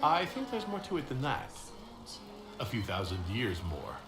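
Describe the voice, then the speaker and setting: Voicing an inquisitive male leader, an actor asks questions with curiosity and dry wit, his medium-pitched voice swinging hugely in pitch at a normal speed. The game audio is roomy, with music underneath.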